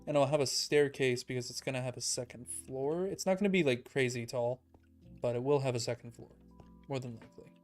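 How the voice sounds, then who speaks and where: A man casually commenting on his own gameplay as a streamer, relaxed and self-deprecating, thinking out loud and a little out of breath. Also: mid-range voice, fairly quick. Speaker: let's play streamer. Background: background music.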